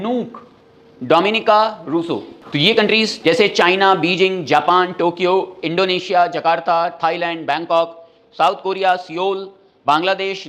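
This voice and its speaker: A male teacher with a fairly high voice runs through a list of countries and their capitals in a quick, steady rhythm. He mixes Hindi with English phrases as he explains. It sounds like a classroom lesson.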